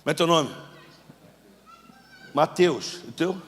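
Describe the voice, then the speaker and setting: A man, a pastor coaching volunteers through a Bible scene in a sermon, joking and shouting cues. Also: a little high, takes it slowly, long reverb tail.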